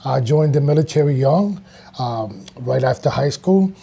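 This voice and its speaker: A man's voice: medium pitch, animated, a little slow, creaky, mellow, husky. A man in his fifties from Puerto Rico, an artist and studio co-owner talking casually in an interview, hesitant with many fillers.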